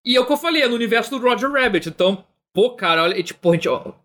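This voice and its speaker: A man with a Brazilian Portuguese accent, co-hosting a live-streamed chat show in an animated, rambling, joking way, full of slang. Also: very high-pitched, rapid-fire. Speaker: podcast co-host.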